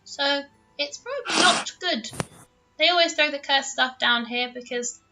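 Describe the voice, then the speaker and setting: A woman's voice: sits high, measured pace, noisy background, pitched above the performer's own voice. A woman voicing a small, timid male dragon who guards his hoard and speaks in an earnest, polite way in a tabletop game. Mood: nervous, apologetic.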